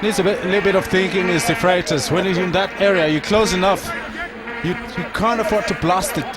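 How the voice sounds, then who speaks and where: A man's voice: sits high, steady tone, brisk. A man co-commentating on a live football match, explaining the play with enthusiasm. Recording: loud crowd and music behind commentary. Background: loud crowd and music.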